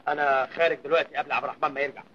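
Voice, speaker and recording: Actor doing a sneaky scheming lover in an old film, high-ish voice, dull lo-fi sound. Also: male voice, fairly even intonation, racing, slight background noise, natural voice. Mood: conspiring. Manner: smooth, conspiratorial, scornful. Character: sly, scheming male lover plotting with the wife. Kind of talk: 1950s Egyptian film acting.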